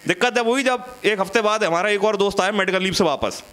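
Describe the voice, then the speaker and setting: High-voiced chatty male stand-up comic. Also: fast talker, fairly bright tone. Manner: chatty, bantering with the audience, storytelling. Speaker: stand-up comedian. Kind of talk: stand-up comedy set. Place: small comedy studio stage.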